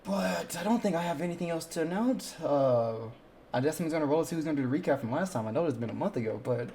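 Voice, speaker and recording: A man's voice: on the high side, expressive, quick pace, dark tone. A man running a tabletop game who chats casually and swears easily. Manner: laid-back, swears casually. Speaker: game master. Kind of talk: casual livestream chat.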